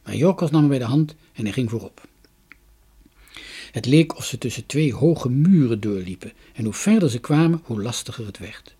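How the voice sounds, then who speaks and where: A man reads a children's story aloud with a husky, breathy voice. His delivery is expressive and dramatic, and his pitch rises and falls widely. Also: moderate pace. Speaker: narrator. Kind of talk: storybook reading.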